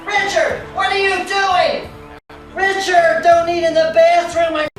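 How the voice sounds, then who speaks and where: A woman's voice: on the high side, normal speed, roomy sound, soft background music, natural voice, low-quality recording. An actress playing a fussy, exasperated wife scolding her husband at home.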